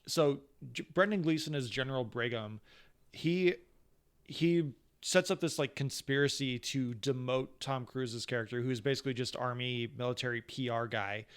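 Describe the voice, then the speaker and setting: A man's voice: mid-range voice, moderate pace, clean tone. A man co-hosting a podcast, rambling through a film's plot holes in casual chat and restarting his sentences often. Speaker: podcast co-host. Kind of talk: casual movie discussion.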